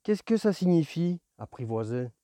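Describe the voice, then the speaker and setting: A man's voice: sing-song, normal speed, mellow, dry recording. A man playing a curious little boy prince. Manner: raises his voice higher, asks questions eagerly.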